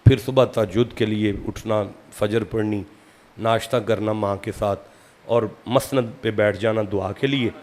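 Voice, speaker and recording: A man from Pakistan, preaching a sermon and telling a story that swings from hushed tones to shouting. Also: on the low side, steady tone.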